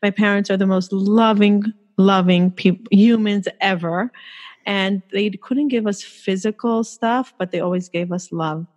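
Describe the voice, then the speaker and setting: A woman's voice: medium pitch, measured pace, darkish tone, lo-fi sound. A woman who grew up in Israel, a podcast guest eagerly telling her life story in a chatty way with frequent fillers. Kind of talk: casual interview chat.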